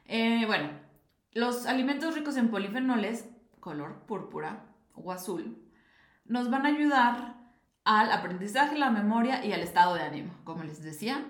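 A woman's voice: fairly high pitch, normal speed, echoey room. A young adult woman, hosting a podcast and chatting casually with lots of fillers. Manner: chatty, animated, many fillers. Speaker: podcast host. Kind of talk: casual nutrition talk.

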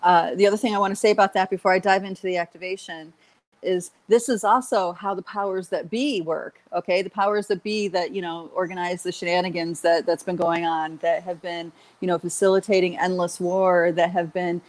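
Female spiritual teacher, lowish register, unscripted livestream talk to her group, halting and searching in delivery. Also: steady tone. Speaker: spiritual teacher leading an online group session.

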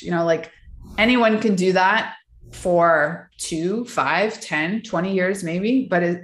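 A woman's voice: on the low side, echoey room. A woman wellness and mindset coach, talking casually and reflectively in a podcast interview, with many fillers and restarts.

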